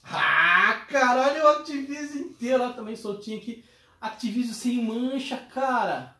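A collector unboxing retro games in a casual vlog, exclaiming with excitement and reading item names aloud. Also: mid-range voice, moderate pace, distant mic. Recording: roomy echo, voice away from mic, faint noise.

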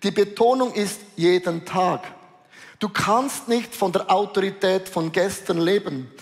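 A middle-aged man delivers a sermon in a fairly high voice, turning to his listeners again and again. The sound carries a long reverb from a large church hall. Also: a little slow. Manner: addresses the congregation directly with repeated asides. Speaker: pastor.

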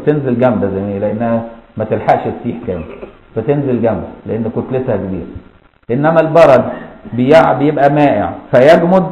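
A man's voice: mid-range voice, echoey room, muffled recording. A man with an Egyptian accent teaching a lesson on a classic legal text, explaining step by step and asking his students rhetorical questions. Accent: Egyptian Arabic. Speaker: Islamic law teacher.

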